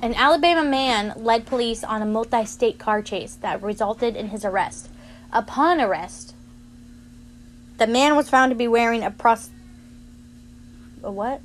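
A woman's voice: a little high, a little slow, long pauses, a little hiss or hum. A young woman co-hosting a casual podcast, a bit tipsy, laughing and stumbling as she reads aloud. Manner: laughs a lot, stumbles reading aloud, swears. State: feeling tipsy and queasy. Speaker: podcast co-host. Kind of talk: casual chat.

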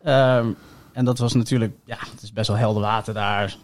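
A man's voice: on the low side, steady tone, normal speed. A young man co-hosting a casual podcast chat, telling rambling stories full of fillers and casual swearing. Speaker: podcast co-host. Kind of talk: casual chat among friends.

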